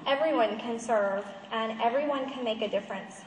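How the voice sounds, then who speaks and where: A high-pitched woman speaks earnestly to a conference crowd, close to tears as she tells her story. She sounds distant from the mic, and her voice rings through a big echoing hall with a faint background hum. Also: normal speed. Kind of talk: motivational presentation. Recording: echoey hall, far from the mic.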